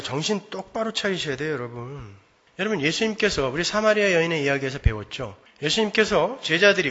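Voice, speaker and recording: Brief: high, bright-voiced male pastor with a breathy edge, emphatic sermon in a reverberant church, dull lo-fi recording. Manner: emphatic, rhetorical questions to the congregation. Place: church sanctuary.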